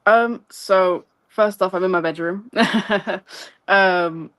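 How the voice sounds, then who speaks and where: A woman's voice: mid-range voice, takes it slowly, fairly bright tone. A woman speaking casually as a guest on an online call from her bedroom. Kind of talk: casual chat.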